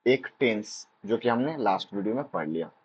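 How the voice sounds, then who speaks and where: A man's voice: lowish voice, lively intonation, fairly quick, slightly rough, dull audio. A male teacher giving an exam-prep grammar lesson, drilling points playfully with jokey asides.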